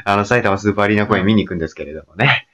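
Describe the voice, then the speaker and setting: A man's voice: lowish voice, rapid-fire, fairly bright tone, dull audio. A man co-hosting a casual talk podcast, chatty and laughing often, explaining things at length with plenty of fillers. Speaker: podcast co-host. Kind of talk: casual chat. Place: recording room in Tokyo.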